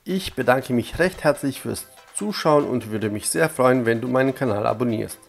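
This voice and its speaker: Nursing a cold, a YouTube host talks viewers through a casual online tutorial one step at a time. His medium-pitched voice is creaky and moves at a normal speed, with faint music in the background, and his tone stays friendly and direct.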